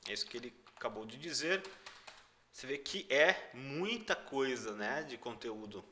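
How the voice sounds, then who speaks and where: A man's voice: mid-range voice, sing-song, normal speed, bright, forceful tone. A man with a Brazilian Portuguese accent teaching a German lesson, patiently repeating each phrase and stressing the foreign words. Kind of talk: language lesson explaining song lyrics.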